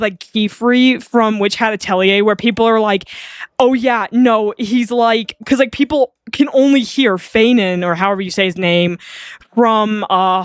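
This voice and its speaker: Brief: woman streamer, bright-ish voice, constant giggles, rambling, swears, dry close mic. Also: a little high, clean tone, dry recording. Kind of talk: live-stream game commentary.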